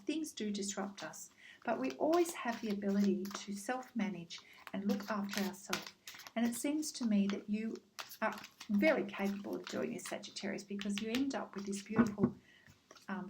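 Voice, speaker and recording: A woman doing a casual spoken tarot card reading, gentle and reassuring, with frequent ums as she speaks straight to the listener. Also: mid-range voice, noisy background. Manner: addresses the listener directly by star sign.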